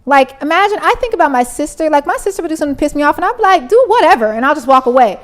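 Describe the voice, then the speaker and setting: A woman's voice: high-pitched, expressive, very fast. A woman co-hosting a podcast, chatting earnestly with many fillers. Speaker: podcast co-host. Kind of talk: casual chat.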